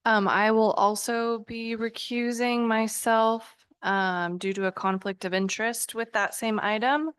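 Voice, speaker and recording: A woman's voice: a little high, fairly even intonation, measured pace, hardly any pauses, a bit bright, clear, resonant tone, no echo, clean studio sound. A woman speaking as a city councilor, giving a formal statement in a meeting.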